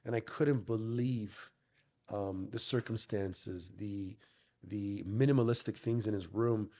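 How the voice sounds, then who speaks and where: A man's voice: lowish voice, fairly even intonation, slow pace, dark tone. A middle-aged man who owns a gym, telling his story in a casual podcast chat, blunt and swearing often. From Canada. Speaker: gym owner and guest.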